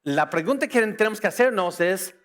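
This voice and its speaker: High-voiced man lecturing in a church. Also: a little fast. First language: English. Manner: lively, asks the audience rhetorical questions, jokes. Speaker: conference speaker. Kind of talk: apologetics lecture to a church audience.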